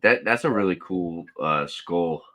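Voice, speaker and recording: A man hosts a laid-back live beer review, talking in a low yet bright, forceful voice. He chats loosely with a friend and reads can descriptions aloud in a plain, casual way. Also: a little slow. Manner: relaxed, chatty, reads can labels aloud.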